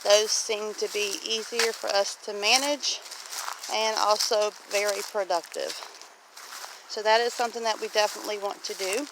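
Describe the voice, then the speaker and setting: A woman of about fifty hosts a homestead walk-and-talk vlog, chatting casually in a reflective, plain-spoken way. Her medium-pitched voice is steady and moderately paced, over loud outdoor noise with clicks and honking geese.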